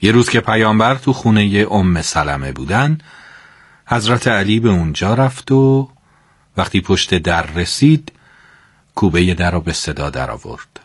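A man narrating a religious story in an expressive, dramatic storytelling manner. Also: sits low, husky, dry recording, studio quality.

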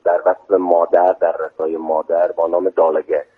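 A man with a Kermanshahi Persian accent speaks in a low, husky voice. He answers the interview haltingly, with frequent fillers. His voice comes through a tinny phone line. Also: flat delivery. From Kermanshah, Iran. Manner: hesitant, many fillers. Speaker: guest singer and music teacher.

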